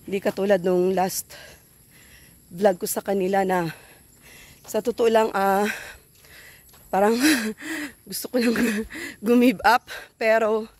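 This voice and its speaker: A woman's voice: mid-range voice, slow pace, long pauses, darkish tone, dry recording. A woman vlogging outdoors on a phone, a little out of breath, chatting casually and thanking her viewers and sponsors. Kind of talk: casual vlog narration.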